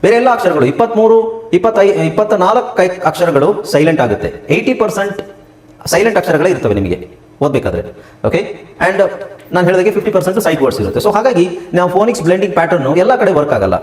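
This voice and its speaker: A man teaching an English lesson, explaining letter by letter in a lively, emphatic way. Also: roomy sound. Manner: fast sales pitch in the ad. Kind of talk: spoken English lesson with a promo break.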